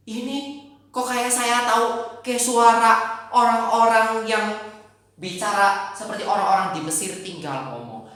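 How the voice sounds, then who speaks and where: Animated woman telling a Bible story. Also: mid-range voice. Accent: Indonesian. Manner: animated, acts out voices and exclamations. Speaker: Sunday school teacher. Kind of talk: storytelling Bible lesson to children. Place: church hall. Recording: echoey room, voice from far off.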